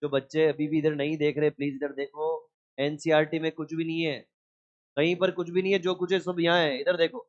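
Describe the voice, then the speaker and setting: A man teaching a biology class in a lively lecture style, often asking questions and answering them himself. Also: a little high, brisk, dull audio. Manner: scolds inattentive students.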